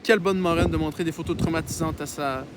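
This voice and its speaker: A man reads a novel aloud in an easygoing, unpolished way, tripping on words and cutting in with sarcastic, foul-mouthed comments. His voice sits high for a man. He is outdoors, with a faint hum of outdoor ambience behind him. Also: fairly even intonation, quick pace. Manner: reads with stumbles and sarcastic, swearing asides. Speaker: audiobook reader. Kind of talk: casual audiobook reading with asides. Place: outdoors in the wind.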